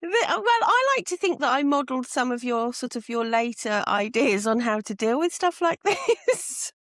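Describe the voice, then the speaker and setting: A woman's voice: high-pitched, very animated, fairly bright tone, no room sound. Wry woman co-hosting a podcast. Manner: dry, wry, quick to laugh. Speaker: podcast co-host. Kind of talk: casual chat.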